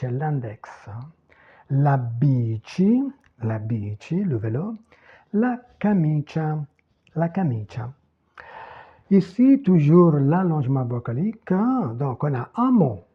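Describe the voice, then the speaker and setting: Slow, husky man teaching on a tinny line. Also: on the high side. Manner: slow, methodical, repeats example words. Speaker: Italian teacher. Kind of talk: language lesson at a board. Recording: tinny phone-like sound.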